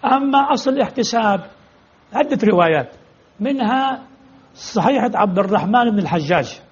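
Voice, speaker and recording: A man's voice: high-pitched, expressive, brisk, slightly rough, muffled recording. A man teaching religious law in a lecture, explaining with repeated examples and rhetorical questions as he answers students.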